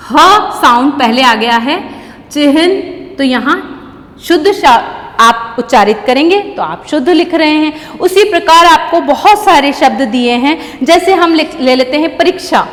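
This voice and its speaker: A woman teacher walks young pupils through a grammar lesson in a high voice, patiently repeating key words slowly. Her voice trails into a long reverb. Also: a bit bright.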